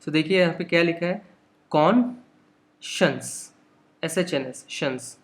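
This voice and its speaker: A man's voice: fairly high pitch, normal speed. A young man with an Indian accent, teaching English from a textbook. He explains patiently, line by line, and mixes English into his talk.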